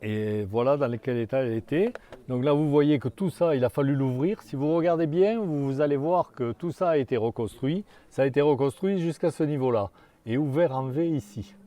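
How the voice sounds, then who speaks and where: Older male guide, mellow low tone, outdoors, stop-start delivery. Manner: halting, many restarts and fillers. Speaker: tour guide. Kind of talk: guided tour talk. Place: outdoors in a hamlet.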